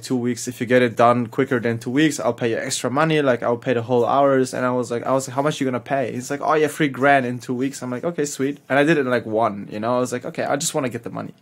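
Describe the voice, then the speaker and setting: Laughing man telling stories. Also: mid-range voice. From Hamburg, Germany. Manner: laughs often, loose and slangy with casual swearing. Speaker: chef, podcast guest. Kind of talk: casual storytelling.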